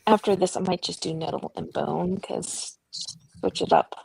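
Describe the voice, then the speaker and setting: A woman hosting a reading livestream from home, chatting casually and telling stories in a relaxed way. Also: on the low side, a little slow, creaky, slight background noise, low-quality recording. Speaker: sprint host on a reading livestream. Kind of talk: casual chat. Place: at home with her dog.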